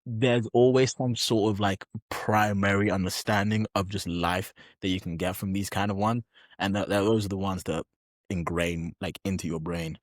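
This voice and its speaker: A man's voice: sits low, fairly even intonation, moderate pace, no room sound, studio quality. A young adult man chatting as a podcast guest, enthusiastic and emphatic, with frequent restarts. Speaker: podcast guest, pro bodybuilder. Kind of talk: casual podcast chat.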